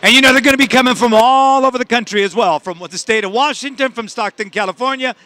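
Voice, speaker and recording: A man hosting a boxing broadcast with energetic sports presenting. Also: very high voice, fast.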